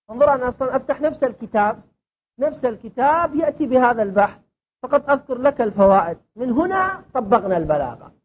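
A woman teaching a class, asking questions and answering them herself as she explains. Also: husky. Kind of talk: classroom lesson on Arabic grammar and rhetoric. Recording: dull lo-fi recording with faint rumble.

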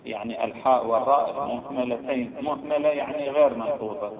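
Guy teaching a religious text, slow and repetitive, tinny phone sound, crowd behind. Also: mid-range voice, steady tone. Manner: slow, spells out letters and vowels, repeats words. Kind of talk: explaining a jurisprudence text line by line. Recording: tinny phone-like line, echoey room.

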